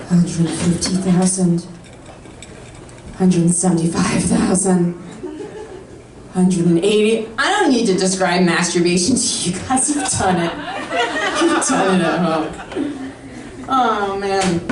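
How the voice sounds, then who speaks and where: This time the comic's voice is on the low side, captured by a distant mic with background noise. She's a woman in her thirties doing brash, sarcastic stand-up on a comedy club stage, with echo and a laughing live crowd.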